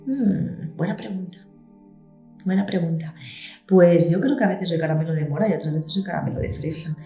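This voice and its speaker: Casting: animated female storyteller-psychologist, low-ish voice, echoey room. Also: moderate pace, gravelly, faint music behind. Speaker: guest, psychologist and children's author. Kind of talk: casual conversation. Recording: roomy echoing room.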